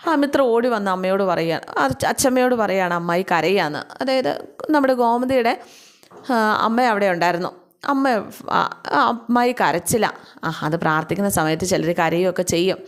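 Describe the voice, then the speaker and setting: A woman's voice: mid-range voice, lively intonation. Chatty woman retelling a serial's episode. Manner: chatty retelling, frequent drawn-out fillers, acts out quoted lines. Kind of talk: casual spoken story recap.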